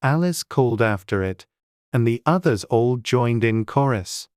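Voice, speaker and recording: A woman's voice: extremely low pitch, animated, a little slow, a little mellow, clear, resonant tone, dry recording, studio quality. A woman narrating a classic storybook in a dramatized audiobook reading.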